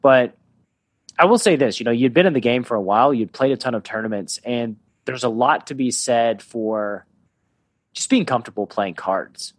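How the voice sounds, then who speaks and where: A man's voice: mid-range voice, normal speed. A man hosts an interview in an easy, conversational way and leads his guest with questions. His voice sits in a middle range. The sound is dry and close, with no room echo. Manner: conversational, asks leading questions. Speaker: podcast host.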